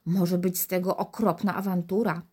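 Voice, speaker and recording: A woman's voice: on the low side, little pitch movement, normal speed, slightly rough. A woman voicing a timid, worried little girl in a children's storybook reading. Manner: hushed, worried.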